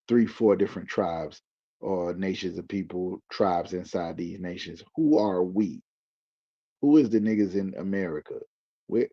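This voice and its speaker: In a low, slightly rough voice, a man appears as a guest and explains things casually in loose slang, building his points the way a preacher would. The recording is dull and lo-fi.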